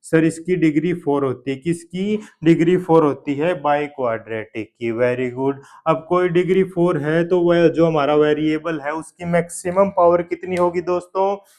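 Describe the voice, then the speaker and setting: A man with a fairly high, darkish voice teaches an exam-prep math lesson at a normal speed with few pauses. He poses questions and answers them himself as if he were his students, often repeating key terms and praising with "very good."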